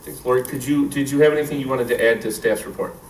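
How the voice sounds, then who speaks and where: A man's voice: mid-range voice, quick pace, recorded from a distance. A man chairing a public meeting, moving through formal procedure. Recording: echoey room, off-mic, faint noise.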